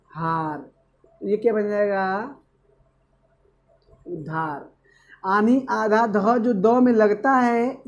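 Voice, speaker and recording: A man's voice: high-pitched, muffled recording. A male teacher giving an exam-prep grammar lesson, asking questions and answering them himself. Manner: asks and answers own questions, repeats "okay".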